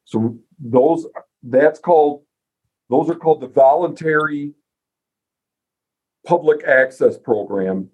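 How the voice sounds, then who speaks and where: A man with a fairly high voice hosts a casual interview podcast, sounding folksy and self-deprecating as he thinks aloud. His voice is a little husky, and the audio is slightly dull. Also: slow pace, pauses often. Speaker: podcast host.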